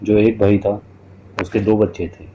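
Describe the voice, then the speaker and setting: A man's voice: fairly low pitch, level tone, normal speed, mellow, slight background noise. A man giving a dramatic, scripted first-person horror narration. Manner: dramatic, storytelling. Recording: dull lo-fi recording.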